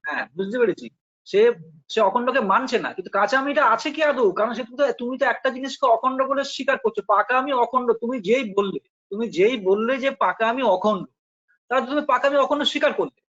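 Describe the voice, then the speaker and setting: A man's voice: extremely high pitch, fast, a bit bright. A man with a Bengali accent explaining spiritual ideas in a philosophical discussion, patiently and with rhetorical questions. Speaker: spiritual teacher. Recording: dull lo-fi recording.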